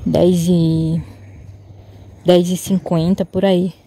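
Walking through her yard and up on her rooftop with a handheld phone, a vlogger from Belém, Pará, Brazil talks casually to viewers in a lowish, husky voice. She has a Paraense Brazilian Portuguese accent and is lively, exclaiming readily.

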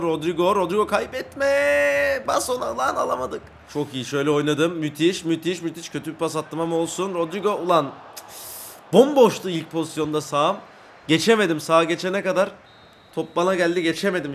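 Excitable young man yelling at a football game. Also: fairly high pitch, slight background noise. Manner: excitable, shouting at teammates, singsong gloating after goals. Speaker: gaming YouTuber. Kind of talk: live football game commentary.

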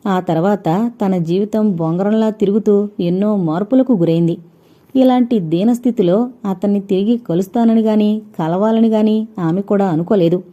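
Woman with a very mellow, dark voice. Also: mid-range voice. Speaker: audio novel narrator. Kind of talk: scripted audio novel narration. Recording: dull lo-fi recording.

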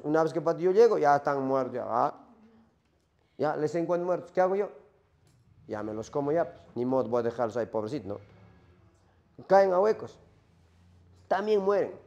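Lonely rambling Minotaur, played by a man, male monster longing for death, slightly high voice, rhetorical questions. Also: darkish tone, natural voice. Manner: rambling first-person monologue, rhetorical questions.

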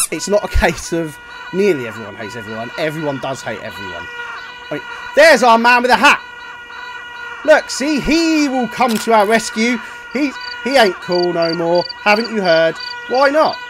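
A man commentating his own playthrough of a game in an animated, joking, self-mocking way, full of exclamations. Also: sits high. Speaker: gaming video host. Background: game music.

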